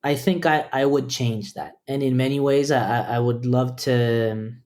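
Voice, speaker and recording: Podcast guest: a man from Costa Rica, earnest and measured, reflective. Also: medium pitch, darkish tone. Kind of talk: reflective interview talk.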